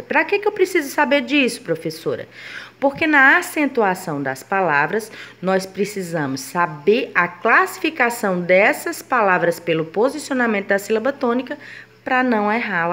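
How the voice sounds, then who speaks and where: Woman, teacher, grammar lesson, patient step-by-step explaining, animated pitch. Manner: patient, explains step by step and asks herself students' questions.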